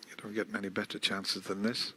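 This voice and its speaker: A man giving hushed, measured, analytical live snooker commentary. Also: fairly low pitch, flat delivery. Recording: crowd ambience and noise behind. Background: snooker hall audience.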